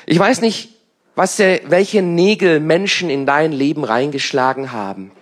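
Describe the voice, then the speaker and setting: Slow-speaking man with a smoker's rasp. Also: on the high side. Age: 50s. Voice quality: raspy, scratchy voice like a smoker's rasp. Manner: deliberate, with pauses and repeated phrases for emphasis. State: hoarse from a lingering irritated throat. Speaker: pastor. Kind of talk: sermon to a congregation.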